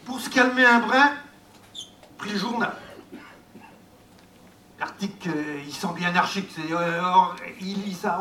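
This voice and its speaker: Man, storyteller, rustic folk tale, homely asides, high bright voice, echoey room, far from the mic. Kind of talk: oral folk tale telling. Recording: echoey, from far off, faint noise.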